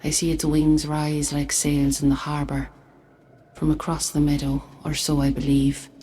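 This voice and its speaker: A low-voiced, mournful ghost woman played by an actress recites verse in a video game. Her delivery is even and restrained, wistful and deliberate, as if each line weighs on her. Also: a little hiss or hum, close to an everyday voice. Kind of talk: slow, measured verse recitation.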